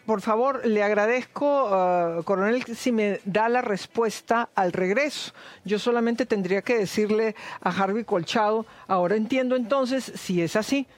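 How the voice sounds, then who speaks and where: A man hosting a TV interview, halting and searching for words as he talks. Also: high voice, dry recording. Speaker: talk show host. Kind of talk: live TV interview.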